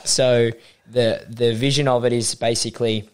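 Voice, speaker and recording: A man's voice: medium pitch, level tone, normal speed, clear, resonant tone. A young adult Australian man, a coach and podcast guest, chatting casually and acting out quoted remarks as he tells his story. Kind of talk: casual interview chat.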